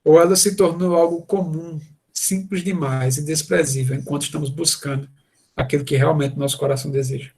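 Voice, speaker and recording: A man's voice: fairly high pitch, fairly even intonation, brisk, vocal fry, a little mellow. A man preaching a sermon, earnest and asking the congregation direct questions.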